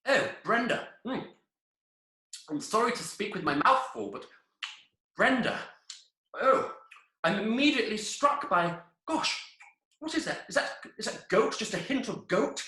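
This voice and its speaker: A woman's voice: mid-range voice, animated, unhurried, long pauses, pushed and bright, echoey room, low-quality recording. A woman playing a fussy, effusive male chief food judge who lingers over every word, in an improvised comedy over a video call. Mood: rapturous. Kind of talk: improvised comedy role-play.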